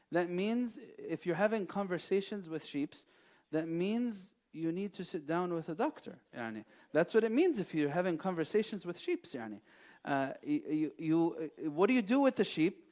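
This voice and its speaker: A man giving a sermon as an imam, animated, swinging from quiet asides to loud emphatic lines and reciting verses quickly. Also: high voice. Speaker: imam giving a religious talk.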